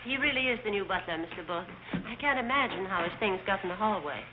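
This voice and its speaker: A wry household maid played by a woman rattles off deadpan screwball comedy banter, matter-of-fact and quick. It is 1930s film acting on a dull old soundtrack with some noise. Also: mid-range voice, close to an everyday voice.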